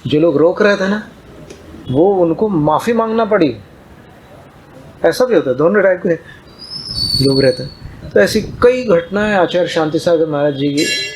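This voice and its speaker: A man preaching a sermon, calmly telling a story and retelling its dialogue in plain speech. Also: on the high side, slight background noise, rough recording.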